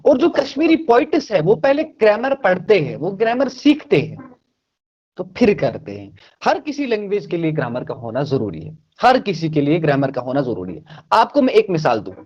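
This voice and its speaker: A man with a Kashmiri accent talks as an interview guest, his voice swinging widely in pitch as he makes his points. He repeats phrases and mixes English words into his speech. The recording sounds a little dull and lo-fi. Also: darkish tone. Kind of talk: casual interview answers.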